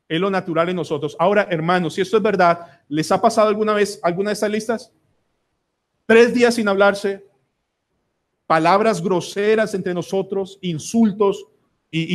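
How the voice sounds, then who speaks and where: A Colombian man preaching a sermon as pastor, emphatic and pleading, putting question after question to the congregation. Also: high voice. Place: church sanctuary.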